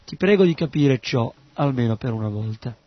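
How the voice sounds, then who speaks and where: A man voicing a calm, firm male magistrate who speaks in a measured, steady way. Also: mid-range voice, dull audio, faint music behind, close to an everyday voice. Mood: admonishing.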